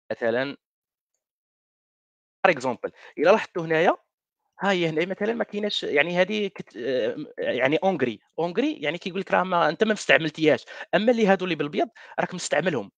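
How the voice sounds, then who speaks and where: A man's voice: on the high side, no room sound. A man with a Moroccan Darija accent walking viewers through a coding demo, often mixing in French words and restarting his sentences. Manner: mixes French words, many restarts and fillers. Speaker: workshop presenter. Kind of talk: live coding walkthrough.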